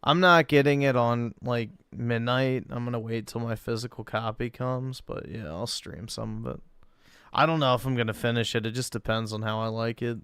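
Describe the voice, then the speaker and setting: A man's voice: medium pitch, moderate pace, a bit bright, smooth, no echo. Clean, dry-sounding man, casual streamer. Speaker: streamer reacting to videos. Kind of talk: casual livestream reaction chat.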